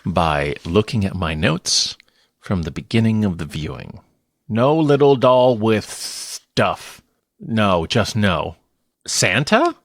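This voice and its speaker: A man with a lowish voice co-hosts a movie podcast, speaking slowly and piling on theatrical disbelief. He laughs through his complaints, and the recording is dry and close. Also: animated, no echo. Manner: dramatic exasperated ranting, mock outrage with laughs. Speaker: podcast co-host. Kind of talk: casual film review chat.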